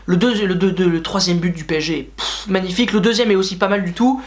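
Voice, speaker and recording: A man with a high, steady voice talks fast while hosting a casual football reaction video. Speaking directly to his viewers, he rants in frustration and throws in sarcastic asides.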